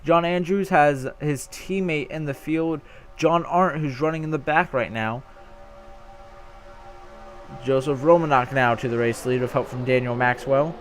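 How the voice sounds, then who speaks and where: A young man gives casual play-by-play on a simulated stock car race, rambling, often correcting himself and getting excited when the racing tightens up. His voice is fairly high and his pace measured.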